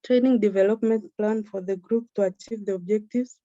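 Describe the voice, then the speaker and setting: A woman presenting a prepared plan in a steady, formal, list-like reading. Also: mid-range voice, fairly quick, no room sound, highs cut off.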